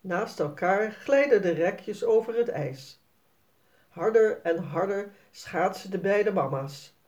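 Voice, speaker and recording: Lady reading a kids' storybook, slow and sing-songy. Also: mid-range voice. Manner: slow, clear and expressive. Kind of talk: reading a children's picture book aloud.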